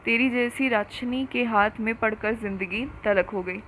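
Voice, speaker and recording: A woman reading a story aloud and voicing an angry, rude young village man who shouts insults. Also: a little high, moderate pace, slight background noise, natural voice, low-quality recording.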